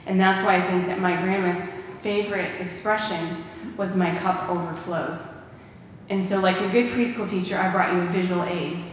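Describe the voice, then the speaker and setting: At a moderate pace and in a fairly low voice with fairly even intonation, a woman delivers a church testimony full of warm storytelling and scripture quotes. A distant recording of the echoey hall leaves a little hiss or hum.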